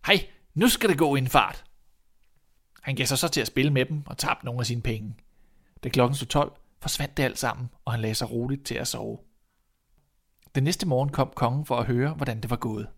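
A man reads a fairy tale aloud at a mid pitch. His telling is calm and measured, paced for listening. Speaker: narrator. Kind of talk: storybook reading.

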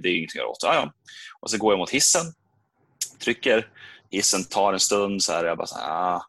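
A man tells a story in casual podcast chat, acting out his own reactions as he goes. His voice sits fairly low, and the sound is close and dry with no room echo. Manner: animated anecdote telling with acted-out reactions. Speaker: podcast co-host.

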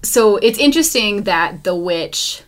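A woman's voice: mid-range voice, lively intonation, a little slow. Flippant Californian woman co-host. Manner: flippant, profane, filler-heavy "like" talk. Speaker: podcast co-host. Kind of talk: casual chat.

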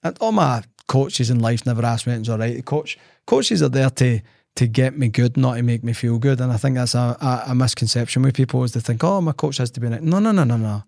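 A man's voice: mid-range voice, brisk, creaky, darkish tone, no echo, studio quality. A man, co-hosting a casual podcast and telling stories with quoted dialogue. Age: 40s. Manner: storytelling, acts out quoted dialogue. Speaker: podcast co-host.

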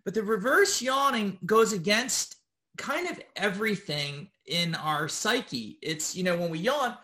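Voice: mid-range voice, animated, a little slow, bright, forceful tone. Rambling casual instructor, constant okay checks. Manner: rambling, with frequent tag questions of okay; loose and informal, with occasional swearing.

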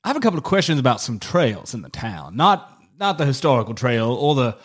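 A man playing a tabletop game, asking questions hesitantly with many pauses and fillers. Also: medium pitch, big pitch swings, slightly rough. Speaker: player. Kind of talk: tabletop role-play.

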